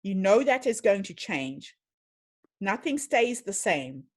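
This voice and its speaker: This woman speaks in a mid-range, sing-song voice and takes her time. She's delivering an online lecture from home over video call, answering questions with an eager, story-driven manner.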